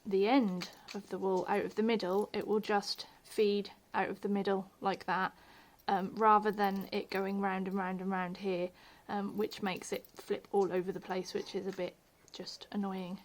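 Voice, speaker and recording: A woman's voice: mid-range voice, level tone, moderate pace, few pauses, slight background noise. Chatty woman teaching crochet. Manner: chatty, self-deprecating, drops to murmurs while working; says she has her posh telephone voice on. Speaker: crochet tutorial host. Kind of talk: casual home tutorial.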